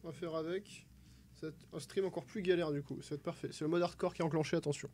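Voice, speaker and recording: A man's voice: on the high side, fairly even intonation, quick pace, a little mellow, a little hiss or hum. A young man giving casual, slangy, wry live game commentary as a streamer. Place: small room at home, indoors.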